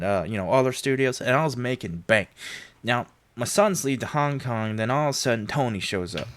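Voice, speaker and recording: A man's voice: medium pitch, background noise, close to an everyday voice. A man voicing a slick, sleazy talent agent in a tabletop game, with used-car-salesman patter. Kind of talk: tabletop role-play.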